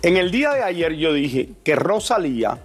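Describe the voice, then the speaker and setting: A man's voice: a little high, big pitch swings, normal speed. A man giving conversational, emphatic celebrity gossip commentary as a television commentator. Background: faint music.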